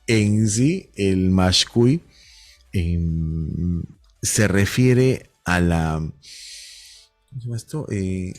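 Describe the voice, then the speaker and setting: A man from Huánuco with a Peruvian Spanish accent, teaching an online class in a jokey, animated way and acting out bits of street slang. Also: deep voice. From Huánuco, Peru.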